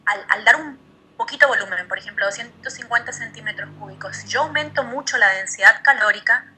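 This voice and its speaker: A woman's voice: a little high, bright, forceful tone, slightly rough, low-quality recording. A woman teaching a nutrition class online, explaining in a methodical way and repeating key terms.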